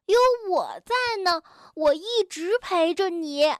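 A woman voicing a kind, loyal young male animal friend in a children's storybook, gentle and curious. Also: extremely high pitch, lively intonation, slow pace, no room sound, clean studio sound, full character voice. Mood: comforting.

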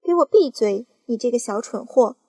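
A woman putting on shrill scolding Aunt Spiker. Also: animated, normal speed, warm tone, breathy edge, no echo, studio quality. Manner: shrieking, scolding.

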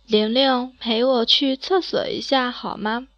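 A woman's voice: a little high, fairly even intonation, a little slow, a bit bright, dry recording, muffled recording. A woman playing a timid, frightened schoolgirl. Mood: pleading.

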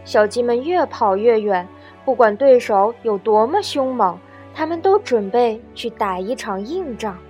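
Brief: woman narrating a children's tale, clear, slow, soft music behind. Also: a little high, lively intonation. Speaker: children's storyteller.

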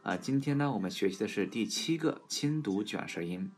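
A man recording an audio English pronunciation lesson at home, explaining in Chinese and slowly repeating English words and sentences for learners. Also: fairly low pitch, expressive, slightly rough. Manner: switches between Chinese explanation and English examples.

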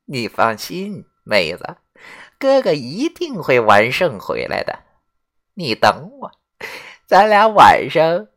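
A woman voicing a lecherous, rowdy old male ghost who blusters loudly and swears. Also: very deep voice, sing-song, normal speed, pauses often, exaggerated voice. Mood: swaggering. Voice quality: swaggering, foul-mouthed, loud bluster. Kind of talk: audio drama acting.

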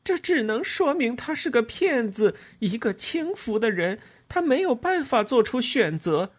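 A man voicing a distraught young woman who shouts in anger, with a strained, shrill tone, reading an audiobook. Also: big pitch swings, unhurried, heavily acted. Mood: furious.

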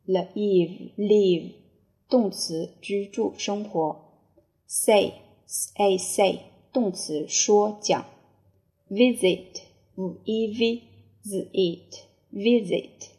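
Slow gravelly woman drilling vocabulary. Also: medium pitch, mellow. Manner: repeats each English word three times, then gives Chinese meaning. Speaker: English vocabulary teacher. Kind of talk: slow word-by-word spelling and dictation drill.

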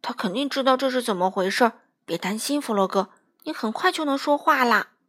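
A woman's voice: on the high side, animated, a little fast, a bit bright. A woman voicing a kind, sensible young pig in a children's storybook, speaking earnestly and reassuringly.

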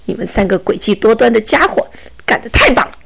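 Loud mocking robber guy from a kids' storybook, stammers, keeps cackling, gravelly edge, a woman putting him on. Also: on the high side, big pitch swings, fast talker, exaggerated voice. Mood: gloating. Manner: mocking, stammering, bursts of laughter. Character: gloating bandit man, loud and scornful.

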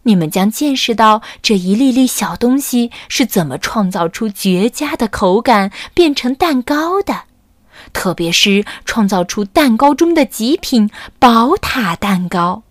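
Woman voicing a slow, wise old camel. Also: a little high, expressive, no echo, studio quality. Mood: grateful. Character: wise, kindly camel cake master.

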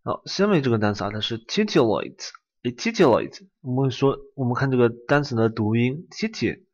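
A man's voice: medium pitch, expressive, brisk. Lo-fi Chinese-speaking male vocab teacher. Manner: repeats each word, starts lines with a filler "ai". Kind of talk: vocabulary lecture. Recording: dull lo-fi recording.

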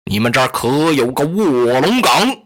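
A male storyteller voicing a loud, hot-tempered burly general who talks bluntly and impatiently, in a Chinese oral storytelling style. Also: big pitch swings, normal speed. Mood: gruff impatient. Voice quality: booming loud voice. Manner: blunt, impatient, shouting gruffly.

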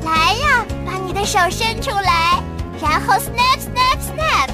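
A little girl explorer from a children's cartoon. She has a very high, bright voice and slow, emphatic phrasing. She is cheerful and encouraging, leading young viewers along. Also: faint music behind, heavily acted. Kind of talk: children's cartoon dub acting.

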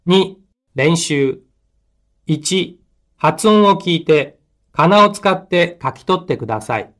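Language-lesson announcer, very slow delivery, mid pitch, dictating in separate units. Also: lively intonation, fairly bright tone. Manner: dictating slowly in short, separated units for repetition. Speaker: language lesson announcer reading exercise instructions. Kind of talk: scripted language-lesson narration.

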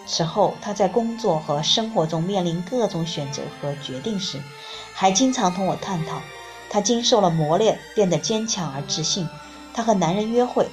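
A woman narrating a book in the first person, reading in a calm, measured way. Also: medium pitch. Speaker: audiobook reader.

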